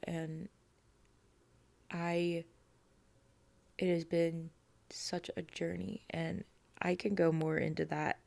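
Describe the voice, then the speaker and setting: Young woman host, solo podcast, rambling casual delivery, gravelly low voice, dry close sound. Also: darkish tone, dry recording. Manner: rambling, filler-heavy, emotional.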